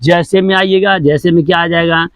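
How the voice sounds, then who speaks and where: A man's voice: fairly high pitch, fairly even intonation, brisk, fairly bright tone, smooth, dry recording. A male teacher giving a grammar lesson, repeating each point and asking questions that he then answers himself. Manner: repetitive, asks and answers his own questions; drills sounds one by one.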